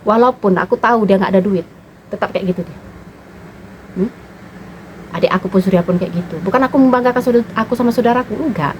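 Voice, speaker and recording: A woman, a mother giving her parenting opinions in a blunt, animated monologue. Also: mid-range voice, quick pace, long pauses, lo-fi sound, slight background noise. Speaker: mother and vlogger.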